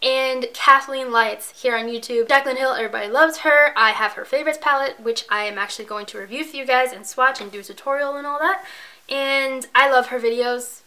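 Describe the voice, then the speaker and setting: A young woman from Tampa chats about her favorite things on her vlog, bubbly and gushing. Her voice sits a little high and rings bright and forward. She sounds a bit tired and out of breath. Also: fairly even intonation, brisk. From Tampa, Florida. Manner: gushing, bubbly, repeats "obsessed" and "like". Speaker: beauty YouTuber. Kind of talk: casual vlog chat to camera.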